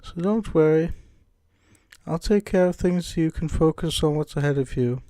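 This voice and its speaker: A man voicing a poised, menacing young woman club president with a put-on British accent, speaking silky and calm. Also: on the high side, normal speed, no echo, pitched above the performer's own voice, lightly acted. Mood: calm, sinister. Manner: silky, calm, quietly threatening.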